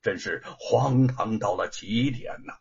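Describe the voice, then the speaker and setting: A man voicing a stern imperial envoy who speaks in a cold, measured, commanding way. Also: on the low side, creaky, darkish tone, husky, lo-fi sound, pitched below the performer's own voice, heavily acted.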